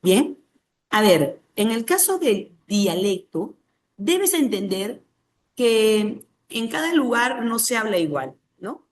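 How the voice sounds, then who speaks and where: Her voice sits fairly high, swings widely in pitch, and moves slowly as she runs an exam-prep language class. She is from Peru, has a Peruvian Spanish accent, and answers her own questions to the class, often adding a tag question.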